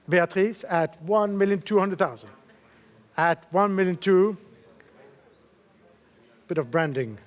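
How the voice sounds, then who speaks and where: High-pitched male fine art auctioneer. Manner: polite, coaxing bidders with repeated figures and short questions. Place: auction saleroom in London.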